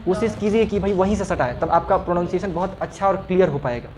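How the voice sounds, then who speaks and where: A man's voice: sits high, fast, music in the background. A male teacher giving a classroom lesson, patiently explaining and repeating each sound for the students. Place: classroom with a fan running.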